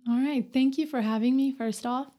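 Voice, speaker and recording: A woman's voice: high voice, brisk, warm tone. A woman in her twenties from Afghanistan, a medical student giving earnest, plainspoken answers as a podcast guest. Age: 20s. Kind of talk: casual interview.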